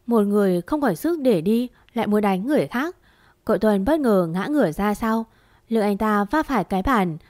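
A woman narrating a story in a steady, measured read. Her pitch sits in the middle for a woman. The recording is dry and close, with no room echo.

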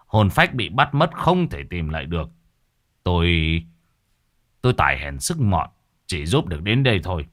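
A man voicing an old village exorcist who speaks in a stern, commanding, measured way. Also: low voice, big pitch swings.

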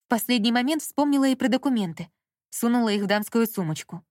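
A woman narrating a story in a calm, even audiobook reading. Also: a little high, quick pace, no room sound, studio quality.

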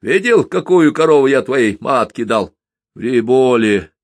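A man's voice: expressive, unhurried, no room sound. A man reading aloud and voicing a seven-year-old orphan boy who wails and taunts. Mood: boastful. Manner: shrill, wailing, taunting.

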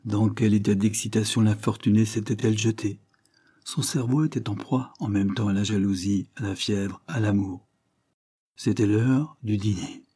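A man narrating a classic novel aloud with measured, expressive delivery. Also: on the low side, breathy edge. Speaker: audiobook narrator.

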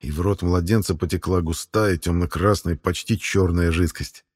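A man reading a fantasy story aloud in a steady storytelling manner. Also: low-pitched, normal speed, breathy edge, clean studio sound. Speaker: audiobook narrator. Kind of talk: scripted audiobook narration. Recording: long hall reverb.

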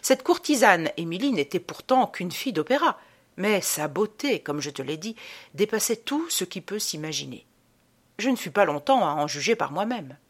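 A woman reading the part of a Parisian man recounting a roguish tale in an audiobook, with lively playful storytelling. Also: lowish voice.

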